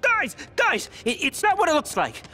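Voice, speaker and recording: An actor voicing a small, nervous, fast-talking monster in an animated game, stammering excuses like a caught thief. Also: male voice, very high voice, soft background music, exaggerated voice. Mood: flustered, caught out. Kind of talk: animated video game acting.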